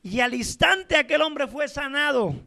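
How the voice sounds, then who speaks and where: A man preaches with fervor, firing rhetorical questions at his congregation and calling each one brother. His voice sits unusually high and carries a gravelly edge. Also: animated, a little slow, sharp tone. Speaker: pastor. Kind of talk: sermon.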